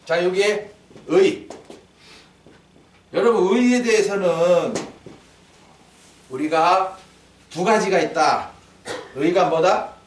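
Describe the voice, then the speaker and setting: Male pastor, high animated sermon voice, echoey church from a distance. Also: takes it slowly, long pauses, slight background noise. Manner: animated, acts out little dialogues, quizzes the congregation. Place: church sanctuary. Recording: echoey hall, mic from a distance.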